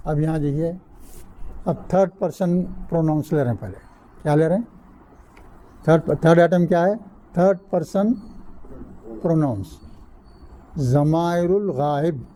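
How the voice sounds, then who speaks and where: A man's voice: on the high side, mellow. A man, teaching an Arabic grammar class and quizzing students with repeated questions, mixing in English terms. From India. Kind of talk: classroom lecture. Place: mosque classroom.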